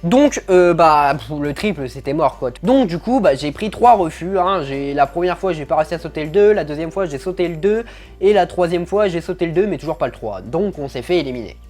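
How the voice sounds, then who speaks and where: A man's voice: fairly high pitch, expressive, brisk, a little mellow. A man talking casually to his viewers in a vlog, upbeat and chatty, telling his story with lots of fillers. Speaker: show-jumping vlogger.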